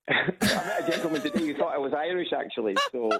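Speaking quickly and with animation over a noisy crowd, this Edinburgh man phones in to a radio show, his pitch on the high side. The call runs through a loudspeaker with a tinny line, and he hesitates, says things twice, and laughs at his own tales in this casual chat.

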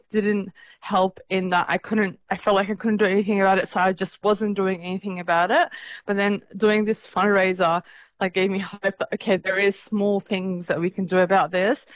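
A woman's voice: mid-range voice, no room sound. A young woman from the Middle East speaking in a radio interview, earnest and hesitant with many fillers. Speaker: interview guest, fundraiser organiser. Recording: dull lo-fi sound.

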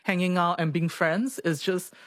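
A woman's voice: on the low side, fairly even intonation, moderate pace, no room sound, clean studio sound. A woman, a doctor telling her life story in an interview, chatty and reflective, often laughing and repeating words. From Singapore.

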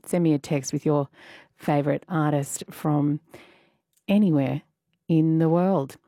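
Australian lady radio host, chatty and upbeat, lowish voice, dry close mic. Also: darkish tone, no echo. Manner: chatty, upbeat, with frequent fillers. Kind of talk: casual radio chat. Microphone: studio microphone.

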